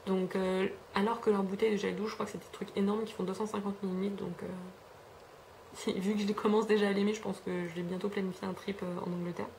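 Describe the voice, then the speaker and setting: A woman's voice: mid-range voice, little pitch movement, fast, darkish tone, a little hiss or hum. A young French woman rambling casually through a beauty haul, chatty with lots of fillers and self-corrections, filmed at home on a camera mic. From France. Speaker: beauty vlogger. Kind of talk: casual haul review chat.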